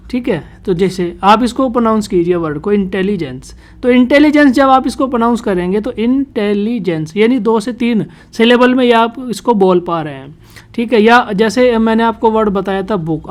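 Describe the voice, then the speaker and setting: A woman teaching an exam-prep English grammar lesson. She keeps asking rhetorical questions, answers them herself and checks in with "theek hai". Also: medium pitch.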